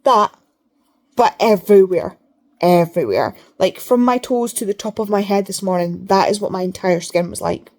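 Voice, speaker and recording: A woman's voice: mid-range voice, normal speed, a little mellow. Woman, mid-range voice, mouth kept nearly closed while talking, casual vlog chat, rambling, repetitive emphasis. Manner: talks with mouth barely open; rambling, repeats herself for emphasis. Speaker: reading vlogger.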